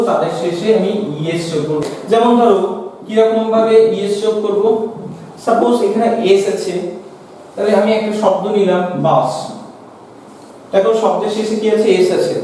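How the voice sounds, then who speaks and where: High-voiced teacher, echoey and distant. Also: male voice, warm tone, a little hiss or hum. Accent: Bengali. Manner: questions the students and answers himself. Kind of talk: classroom grammar lesson. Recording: echoey room from far off.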